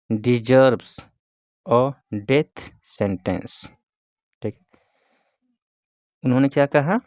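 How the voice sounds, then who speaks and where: A male teacher reads a story aloud at a very slow, deliberate pace, one word at a time, then stops to explain it. He keeps asking himself questions and answering them. The sound is dry and close, with no room around it. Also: mid-range voice, a little mellow, no room sound. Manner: asks and answers his own questions. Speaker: English teacher. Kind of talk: bilingual grammar lesson reading a story aloud.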